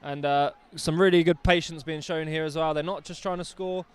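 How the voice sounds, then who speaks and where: A man's voice: on the high side, steady tone, a little fast, clear, resonant tone. A man doing live rugby commentary outdoors, chatty and enthusiastic with jokey asides.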